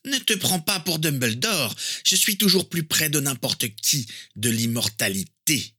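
A man putting on a high, sharp dark lord. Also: lively intonation, measured pace, exaggerated voice. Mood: scornful. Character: cold menacing male dark lord, high and hissing. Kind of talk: audiobook fan-fiction reading.

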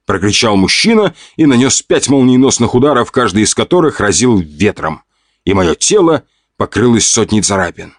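Brief: male audiobook narrator, animated first-person delivery, dry close mic. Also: lowish voice, moderate pace, dry recording. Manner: lively, expressive first-person storytelling.

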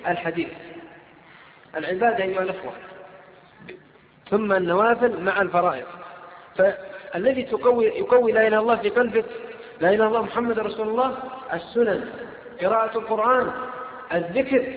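Male preacher, high-pitched and fast, fervent delivery; thin phone-like tape in a reverberant hall. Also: slight background noise. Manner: fervent, rising to emphatic peaks when retelling dialogue. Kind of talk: recorded Islamic lecture.

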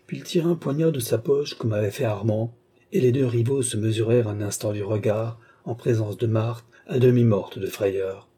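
A man narrating a classic novel in a measured, dramatic reading. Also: lowish voice, mellow, slightly rough. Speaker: audiobook narrator.

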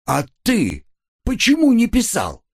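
A man's voice: medium pitch, sing-song, drawn-out words, slightly rough, heavily acted. A man voicing a sullen, curt young swindler, as an audiobook figure. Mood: startled. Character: red-haired young male swindler, sullen.

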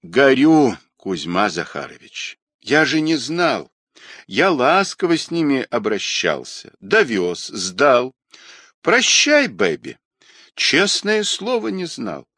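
A man's voice: medium pitch, sing-song, slow pace, fairly bright tone, no echo, clean studio sound, voice pushed up, full character voice. A man voicing a guilt-ridden young male small-time trader who talks in a confessional, self-pitying way. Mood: rueful.

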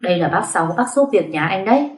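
Woman reading as a gentle, protective young man. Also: on the low side, lively intonation, quick pace, close to an everyday voice. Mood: calm. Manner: soft, reassuring. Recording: roomy echo.

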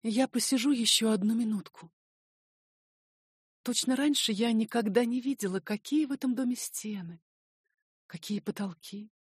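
A woman reading the part of a wistful middle-aged lady leaving her estate, softly and tenderly. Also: a little high, moderate pace, long pauses, slightly rough, no echo, studio quality.

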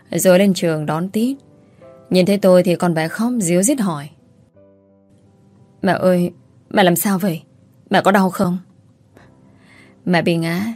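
A woman narrating a first-person audio story in a sorrowful, measured way. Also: on the low side, a little mellow.

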